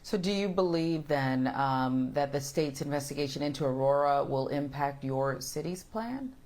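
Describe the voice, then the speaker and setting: A woman's voice: deep voice, lively intonation, moderate pace, darkish tone. A woman conducting a news interview in a conversational, emphatic way.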